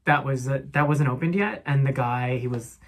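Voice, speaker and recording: A woman's voice: rumbling low, normal speed. A woman travel vlogger chatting casually to a handheld camera, rambling with lots of fillers, while walking through city streets and in a hotel room. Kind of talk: casual vlog chat to camera.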